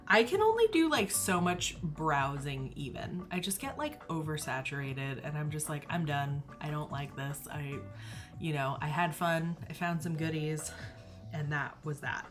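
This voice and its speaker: A woman's voice: low voice, unhurried, a bit bright, faint music behind. A young woman hosting a knitting livestream, telling a family story in a casual, giggly way with lots of filler words.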